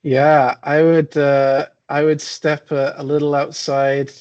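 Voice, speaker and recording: A man's voice: a little high, level tone, slow, darkish tone, muffled recording. A man speaking as a guest on a business webcast, easygoing and chatty, explaining his company's plans. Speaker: guest, software company representative. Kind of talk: casual interview chat.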